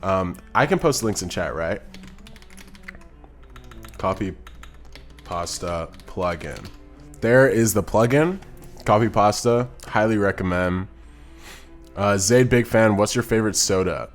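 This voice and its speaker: A man with a fairly low voice chats on a live stream in a loose, rambling way. He reads viewer messages out loud and answers them off the cuff. Soft music plays faintly behind him. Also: slow, long pauses. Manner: rambling, chatty, reacts to chat and laughs often. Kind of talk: casual live-stream chat.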